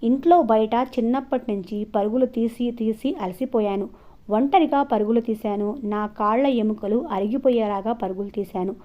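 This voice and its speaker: A woman voicing a retired teacher in her sixties in an audio novel, calm and reflective. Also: fairly high pitch, normal speed, highs cut off, natural voice. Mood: resigned. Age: 60s.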